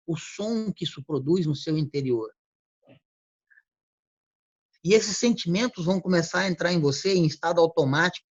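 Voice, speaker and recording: A man giving a motivational talk on word choice, acting out quick everyday exchanges. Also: sits high, husky, no echo. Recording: dull lo-fi recording.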